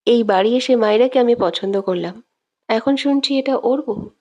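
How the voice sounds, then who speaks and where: A woman's voice: fairly high pitch, moderate pace, muffled recording, natural voice. A woman reading a smug, scheming young man. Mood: defiant. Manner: smug, taunting.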